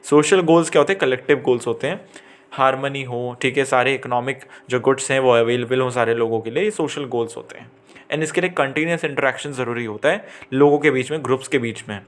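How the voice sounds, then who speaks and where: A man teaching a class in a chatty lecture style, often pausing to check in with students and correcting himself mid-sentence. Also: mid-range voice. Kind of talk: exam-prep lecture.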